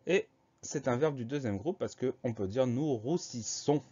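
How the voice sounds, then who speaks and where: A man's voice: mid-range voice, a little slow, warm tone, husky, dull audio. Man spelling out words letter by letter. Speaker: teacher. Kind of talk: spelling lesson.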